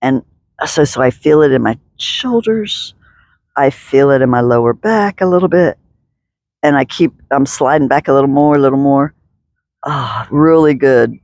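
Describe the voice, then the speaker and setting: Outdoors in the sun, a stretching instructor chats upbeat through each move, thinking aloud and laughing often. Her voice is rumbling and low, expressive and a little mellow, at a normal speed with no echo.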